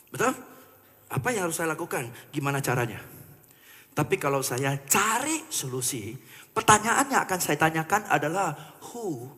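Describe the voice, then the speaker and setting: A man gives a live motivational talk in a large hall, his bright, ringing voice swinging widely up and down as he teases the audience. His words carry a long reverb tail from the room. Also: high voice. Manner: animated, mixing English into Indonesian, playful audience teasing. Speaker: motivational speaker.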